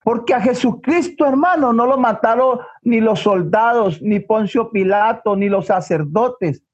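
A man preaches in a high, earnest voice and often calls out to his congregation. His volume drops sharply for emphasis. The sound is dull and lo-fi, like an old church recording. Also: a little slow, breathy edge. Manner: earnest, repeatedly addresses the brethren, dramatic drops in volume. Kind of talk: sermon storytelling.

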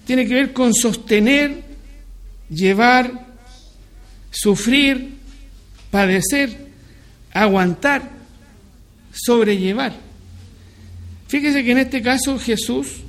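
A man preaching a church sermon, slow and searching, with frequent restarts and pauses while explaining scripture. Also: very high voice.

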